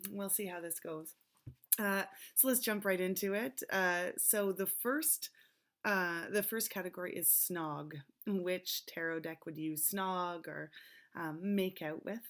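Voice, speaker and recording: A woman with a slightly low voice talks casually to camera about her tarot decks. Her voice is still a little hoarse as it recovers, and she rambles warmly with fillers. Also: slow. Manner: chatty, rambling, with many fillers and laughs. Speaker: tarot vlogger.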